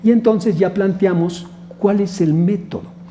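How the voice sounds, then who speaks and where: A man with a Mexican Spanish accent lectures on research methods in a didactic way, often posing questions to the class and answering them himself. His voice sits a little high for a man but sounds very dark and mellow. A faint hiss runs under the recording. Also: measured pace. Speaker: instructor.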